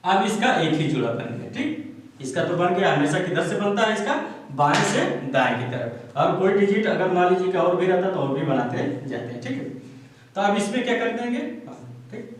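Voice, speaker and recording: A man teaches a math class, walking his students through each step and pausing often to make sure they are following. His voice sits high, and it is caught from a distance in a very echoey room. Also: big pitch swings. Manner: explains step by step, keeps checking with "theek hai". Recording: echoey room, speaker far from mic.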